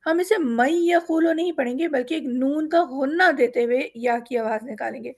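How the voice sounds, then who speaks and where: High-voiced woman teaching Quran reading. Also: darkish tone. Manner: explains patiently, slowly drawing out example words for students to repeat; mixes English words into her speech. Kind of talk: step-by-step lesson explanation.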